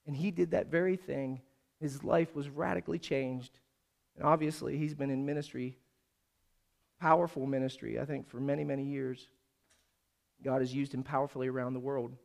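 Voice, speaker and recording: A man preaching a sermon, telling a story and then rising into loud, urgent appeals before dropping into quiet prayer. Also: vocal fry. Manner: storytelling preacher who builds to loud, high-pitched exhortation. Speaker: pastor. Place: church service.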